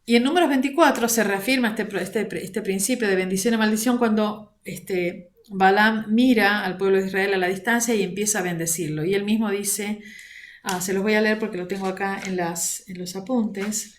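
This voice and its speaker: A woman from Argentina with an Argentine accent, teaching an online Bible lesson in a measured way, using fillers like "este", recorded on a computer mic. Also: mid-range voice. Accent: Argentine Spanish. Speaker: prayer ministry coordinator teaching a class. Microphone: computer mic on a video call.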